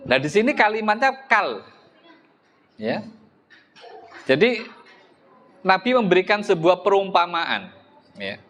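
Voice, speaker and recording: A man's voice: high voice, very animated, slow, long pauses, fairly bright tone, highs cut off. A middle-aged man with an East Javanese accent giving a religious study lecture in a mosque, talking conversationally and asking his listeners rhetorical questions. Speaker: Islamic religious teacher.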